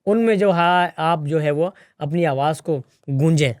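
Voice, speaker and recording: A young man playing an overconfident failed singer as a comedy guest, speaking slowly and self-importantly with halting pauses. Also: fairly high pitch, darkish tone, no room sound, clean studio sound, natural voice. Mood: smug. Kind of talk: comedy interview sketch.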